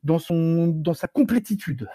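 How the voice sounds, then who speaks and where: A man's voice: on the high side, a little slow, husky, no echo, clean studio sound. A man co-hosting a wrestling podcast, chatting playfully and cracking jokes. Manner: playful, joking, animated. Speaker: podcast co-host. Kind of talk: casual podcast chat.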